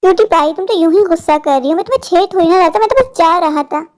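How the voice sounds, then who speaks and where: A woman's voice: extremely high pitch, very fast, darkish tone. A woman doing a sly, wheedling stranger man. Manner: wheedling, then backing off nervously. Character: sly male stranger trying to lure a girl.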